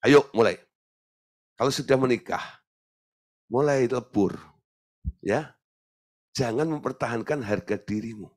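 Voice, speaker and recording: A man preaching a sermon as a pastor, humorous and animated, often checking with the congregation through quick questions. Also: mid-range voice. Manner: animated, humorous, acts out voices; addresses the congregation with tag questions.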